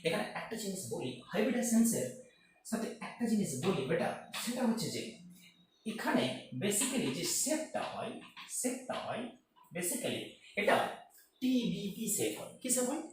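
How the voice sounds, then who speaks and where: A man teaching chemistry in a lively, repetitive way, often checking whether his students have understood. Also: high-pitched, normal speed. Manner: lively, repetitive, calls students "beta", checks if it's clear. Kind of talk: whiteboard chemistry lecture. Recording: echoey room, distant mic, faint noise.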